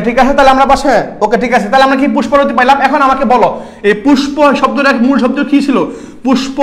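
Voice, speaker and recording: A man's voice: very high voice, a bit bright. A young man, tutoring students for an admission exam, quizzing them and repeating key answers. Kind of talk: online exam-prep class.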